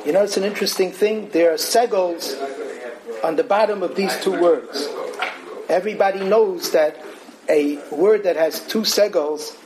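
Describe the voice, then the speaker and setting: Lecturer, male, high-pitched voice, lively and singsong on quoted verses, teaching a class over audible crowd noise. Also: rough recording. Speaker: Torah teacher. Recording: crowd audible behind him.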